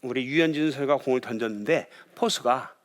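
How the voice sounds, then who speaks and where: Korean pastor lecturing, lively and questioning. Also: male voice, medium pitch, a little fast. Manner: lively, asks the audience questions. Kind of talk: lecture to an audience.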